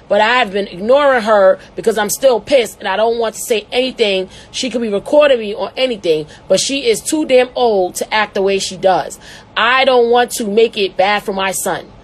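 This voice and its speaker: On her advice show, a woman reads a listener's letter aloud and answers it with blunt, profane, lively commentary. Her voice is slightly high.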